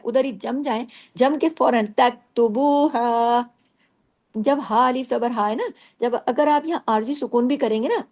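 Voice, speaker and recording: A woman with a fairly high voice teaches recitation, splitting each word into its syllables and saying them again and again. She asks herself why and answers at once, in the steady way of a patient teacher. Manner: breaks words into syllables and repeats them slowly; asks and answers her own questions. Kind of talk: tajweed lesson explaining pronunciation.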